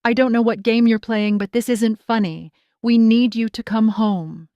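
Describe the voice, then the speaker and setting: A woman's voice: fairly high pitch, expressive, measured pace, a little mellow, no room sound, muffled recording. A woman voicing a weary adult daughter pleading with her mother in a strained voice. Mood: sharp.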